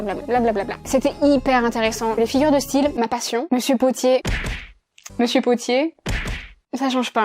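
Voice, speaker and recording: A woman's voice: high-pitched, warm tone. A young French woman in her twenties, chatting casually to camera and laughing at herself as she recounts her year. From France. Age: 20s. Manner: chatty, self-mocking, laughs often, trails off. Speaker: student vlogger.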